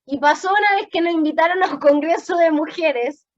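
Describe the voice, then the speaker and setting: A woman's voice: extremely high pitch, brisk, dull audio. A woman preaching a sermon, telling an emotional testimony.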